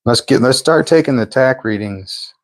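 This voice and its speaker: Tinkering live at his home workshop, a man streams on his phone for his pulse motor channel, announcing meter readings between bits of casual chat. The audio is rough with no room sound, and his mid-range voice moves at a moderate pace.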